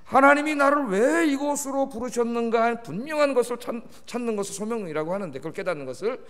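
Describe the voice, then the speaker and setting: A man preaching as a pastor at a midweek service, animated and often prompting the congregation for a response. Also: extremely high pitch, fast. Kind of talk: sermon. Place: large church sanctuary. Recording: long reverb of a large church hall.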